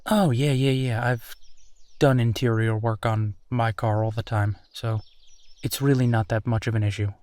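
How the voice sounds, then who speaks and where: In a roleplay audio drama, a man voices a friendly, easygoing werewolf, speaking casually and reassuringly in a natural one-sided conversation with small hesitations. His medium-pitched voice is steady, moderately paced, and a little mellow, close to an everyday voice, with no room sound.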